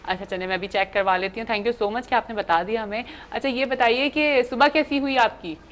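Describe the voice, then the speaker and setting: A woman's voice: on the high side, steady tone, a bit bright, a little hiss or hum. A woman with a Pakistani Urdu accent hosting a morning talk show, chatting with guests and callers. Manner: chatty, quick acknowledgments. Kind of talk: casual chat with callers and guests.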